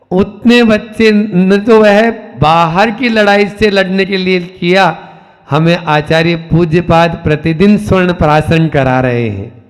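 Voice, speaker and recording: A man giving a religious sermon as a monk. He explains scripture line by line and asks his listeners rhetorical questions. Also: a little high. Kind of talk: religious discourse. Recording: long reverb of a hall.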